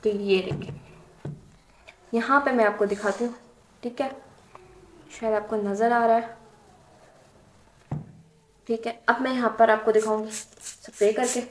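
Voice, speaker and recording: A woman's voice: on the high side, a little hiss or hum. A woman with a Pakistani Urdu accent hosting a casual beauty tutorial, giving chatty step-by-step instructions and often repeating phrases. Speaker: makeup tutorial host. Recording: roomy echo.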